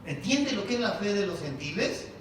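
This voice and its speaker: High, animated preaching man in echoey church. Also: normal speed, a little hiss or hum. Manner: preaching with rhetorical questions; addresses congregation as "hermano". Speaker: pastor. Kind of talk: sermon. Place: large church hall. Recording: echoey hall, mic at a distance.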